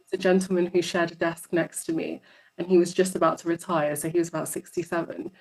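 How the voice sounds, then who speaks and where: Chatty woman, low voice. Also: flat delivery, fast talker, a little mellow, rough recording. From London, England. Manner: chatty, storytelling, repeats words for emphasis. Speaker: psychologist guest. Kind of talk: casual interview conversation.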